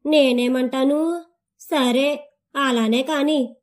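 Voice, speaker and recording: A woman's voice: high voice, fairly even intonation, extremely slow. A woman voicing a greedy, complaining older grandmother who whines about her lot. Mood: whiny. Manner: whiny, grasping.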